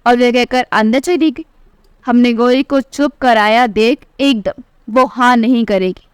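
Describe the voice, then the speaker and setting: A woman narrating a family story in the first person as a storyteller, reading every character's lines in her own voice and lifting her pitch for the quoted speech. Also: a little slow, smooth, no echo, studio quality. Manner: reads all the dialogue in one voice, pitch rising for quoted lines.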